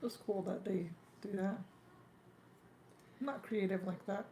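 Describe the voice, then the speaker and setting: A woman's voice: medium pitch, a little slow, mellow. A woman, chatting casually as a live stream co-host. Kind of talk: casual chat. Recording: clearly noisy, with room ambience.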